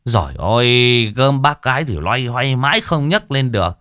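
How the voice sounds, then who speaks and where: A man's voice: mid-range voice, sing-song, normal speed, fairly bright tone, dry recording, studio quality, pitched above the performer's own voice. A man voicing a jovial village neighbor who stammers and brags. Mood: boastful. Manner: stammering, reassuring then bragging.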